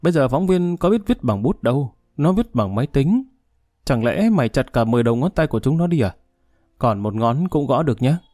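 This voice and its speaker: Gruff, mocking male prison guard in a storybook reading, low mellow tone, as a male narrator reads him. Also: big pitch swings, brisk, dry recording, studio quality, soft background music, natural voice. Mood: scolding. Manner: scolding, coarse.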